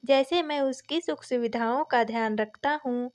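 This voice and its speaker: A woman's voice: sits high, normal speed, natural voice. A woman voicing a kindly, affectionate older father-in-law in a story reading, speaking in a soothing, fatherly way.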